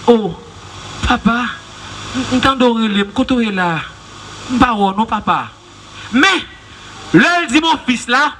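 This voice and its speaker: Haitian guy preaching at an outdoor revival, real high voice, repeats lines like a chant, shouts out sometimes. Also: a little hiss or hum. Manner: repetitive, chanting refrains, sudden shouts. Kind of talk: open-air revival sermon. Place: outdoor public square.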